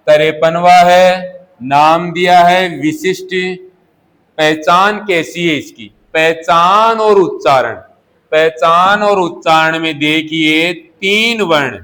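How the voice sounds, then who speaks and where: Slow, high-voiced male teacher. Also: a bit bright. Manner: asks questions and answers them himself, repeating key words. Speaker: Hindi teacher. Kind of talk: classroom lesson. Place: coaching classroom.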